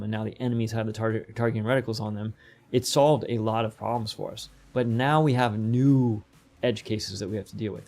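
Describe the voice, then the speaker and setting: A middle-aged man talks through a game development tutorial, quick and rambling, often breaking off and starting his sentences over. His voice has a gravelly edge. Faint music plays quietly behind him. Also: medium pitch. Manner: rambling, quick, self-interrupting. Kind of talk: casual screen-recorded tutorial.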